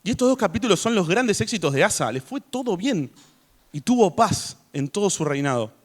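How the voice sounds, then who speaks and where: A man preaching a sermon in church, chatty in tone and rising to loud emphasis when he reads scripture. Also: high voice, big pitch swings, brisk.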